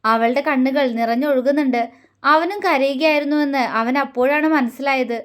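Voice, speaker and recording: High-voiced woman narrating a love story. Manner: soft, measured storytelling. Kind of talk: scripted narration.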